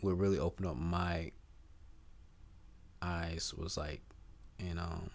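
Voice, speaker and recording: A man in his thirties speaks as a guest on a casual podcast, his voice very low. He talks in an easygoing, halting way, often pausing to find words and dropping in "man" and "I'ma.". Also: steady tone, vocal fry, slight background noise.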